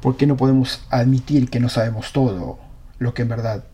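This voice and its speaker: A man's voice: medium pitch, steady tone, a little fast, mellow. A man preaching a sermon, reading scripture aloud and earnestly questioning his congregation.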